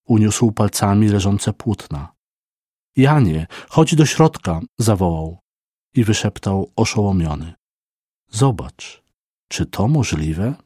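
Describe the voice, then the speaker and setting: Gentle husky-voiced male narrator. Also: fairly low pitch, no room sound. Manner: slow, gentle reading of a devotional story. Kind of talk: scripted storytelling narration. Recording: dry close recording with soft instrumental music.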